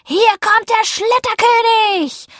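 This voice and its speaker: A woman voicing a cheeky, boastful young boy who taunts and shouts when he brags in a storybook reading. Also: on the high side, very animated, moderate pace, no echo, studio quality. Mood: boastful shouting. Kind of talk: audiobook character voice.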